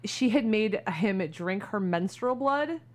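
A woman's voice: medium pitch, expressive, slow pace, a little hiss or hum. A woman co-hosting a podcast, telling a story in frank, joking casual chat. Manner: chatty, frank, joking, many "like" fillers. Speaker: podcast co-host.

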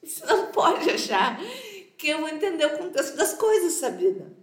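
A woman co-hosting a casual podcast chat, lively and teasing, laughing often. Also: sits high, normal speed, roomy sound. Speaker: podcast co-host.

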